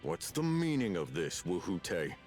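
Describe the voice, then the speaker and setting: A man plays an indignant figure of authority from a game. The voice is fairly low and stern, with very dramatic intonation over faint music. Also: wildly swooping pitch, measured pace, a little mellow, full character voice.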